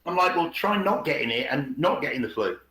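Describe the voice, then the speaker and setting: On a roomy, echoey online call, a middle-aged man talks casually and with strong opinions, emphatically rephrasing himself as he goes. His voice is fairly high and sharp, and he speaks animatedly and a little fast.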